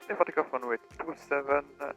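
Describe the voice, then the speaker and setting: Give me a gravelly man speaking over a cockpit headset. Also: a little high, brisk, fairly bright tone, highs cut off, faint music behind. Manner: terse, procedural readbacks. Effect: pilot speaking over a cockpit headset intercom. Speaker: airline first officer. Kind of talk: clipped radio phraseology.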